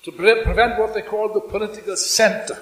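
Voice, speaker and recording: An older man giving a fiery revolutionary speech at a stand microphone in a hall, speaking emphatically and deliberately with repetition and dramatic pauses. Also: high-pitched, steady tone, fairly bright tone, far from the mic. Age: 60s or older. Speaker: political speaker at a congress. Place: indoor hall before a seated audience. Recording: echoey hall public-address sound.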